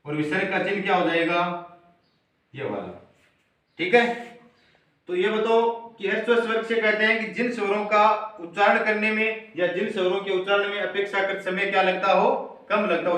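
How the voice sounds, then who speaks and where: High bright-voiced teacher in an echoey room. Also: male voice. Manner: call-and-response questioning, repeats answers. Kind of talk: classroom Hindi grammar lesson. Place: classroom with students. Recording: very echoey room, voice far from mic.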